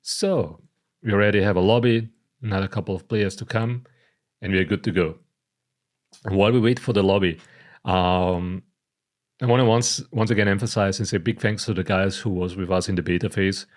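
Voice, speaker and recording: A man's voice: deep voice, fairly even intonation, fairly quick. A man from Croatia, speaking English, walks through a setup step by step and checks in with "okay?" and "you know". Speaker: product presenter. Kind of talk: casual screen-recorded tutorial.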